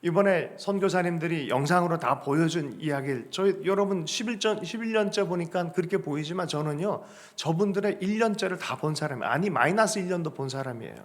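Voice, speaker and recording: Male pastor preaching a sunday sermon, fairly high voice that swings all over, acts out the quotes and pushes to loud peaks. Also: lively intonation, a little fast, hardly any pauses. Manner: chuckles and calls on the congregation to respond. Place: church sanctuary with congregation.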